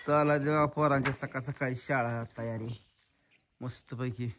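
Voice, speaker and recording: Guy vlogging in his yard, shouting at the kids to hurry, birds faint in the back. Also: mid-range voice, fairly even intonation, moderate pace, slight background noise. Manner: coaxing and scolding children, calls out loudly. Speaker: village vlogger. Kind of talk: casual family vlog.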